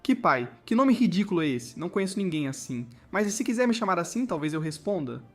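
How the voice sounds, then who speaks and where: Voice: medium pitch, very animated, fairly quick, faint music behind. A narrator voicing a confident young male student hero, cool and dismissive in a story recap.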